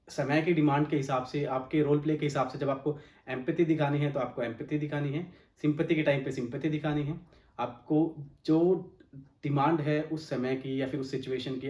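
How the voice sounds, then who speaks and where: A man from India with an Indian accent, hosting his channel and explaining exam tips step by step in a steady instructive lesson. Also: medium pitch, reverberant, recorded from a distance. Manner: steady instructive, lists points one after another. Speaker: channel host and exam coach.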